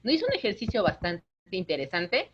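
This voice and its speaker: A woman, an instructor giving a lively online lecture, talking with her hands. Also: mid-range voice, brisk, highs cut off, slight background noise. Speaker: course instructor.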